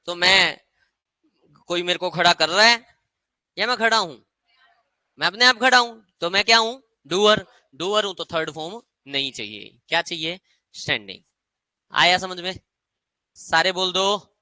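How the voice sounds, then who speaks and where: A man's voice: sits high, moderate pace, long pauses, sharp tone, no echo. A man teaching English grammar to a class, quizzing students and having them repeat rules aloud. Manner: drills students with call-and-response repetition; quizzing, asks many short questions.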